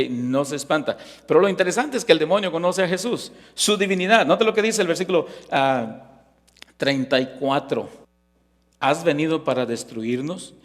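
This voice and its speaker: Male pastor, sermon delivery, emphatic with rhetorical questions; slightly high voice, reverberant church hall. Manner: emphatic, rhetorical questions, frequent "ok?" check-ins.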